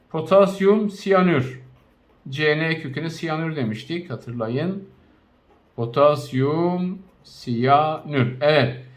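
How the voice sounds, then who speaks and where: A male chemistry teacher giving a recorded lesson, addressing his students directly and spelling out compound names slowly, with frequent recaps. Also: on the high side.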